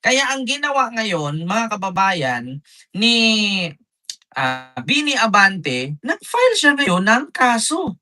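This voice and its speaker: Combative bright-voiced male vlogger. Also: high voice, huge pitch swings, takes it slowly. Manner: combative, retells arguments with quoted back-and-forth; addresses viewers directly, gives shoutouts. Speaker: political vlogger. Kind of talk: live-stream political commentary.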